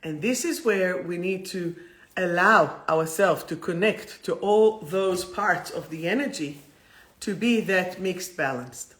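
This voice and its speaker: She takes it slowly, her lowish voice carrying a bit of brightness. The host of this livestream spiritual talk has an Israeli accent and chats in an effusive, playful, rambling style.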